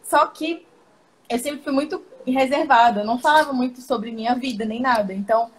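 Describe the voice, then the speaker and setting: Over a video call, a woman casually tells her story to an interviewer as a guest, chatting and laughing often. She speaks at normal speed in a high-pitched voice.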